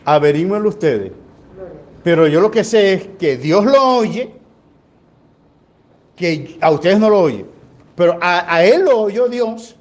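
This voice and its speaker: Un pastor que predica en una iglesia, con tono de relato sencillo y muchas preguntas retóricas al público. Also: male voice, high-pitched, animated, measured pace, long pauses, darkish tone. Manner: folksy storytelling with rhetorical questions. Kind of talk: sermon teaching. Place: church. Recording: live church recording with faint ambient noise.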